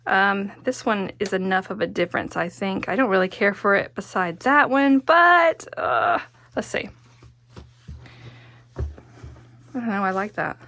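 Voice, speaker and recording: A woman's voice: medium pitch, normal speed, a bit bright. A woman giving a casual hands-on craft tutorial as the instructor, chatty and musing, often talking to herself as she goes. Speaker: quilting instructor and host.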